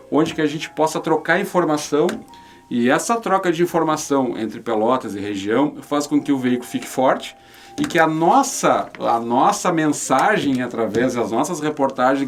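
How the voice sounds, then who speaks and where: With his southern Brazilian accent from Rio Grande do Sul, this man answers conversationally as an interview guest on behalf of a regional newspaper. He repeats words and often uses small tags to seek agreement. His voice is fairly high and expressive, at a moderate pace.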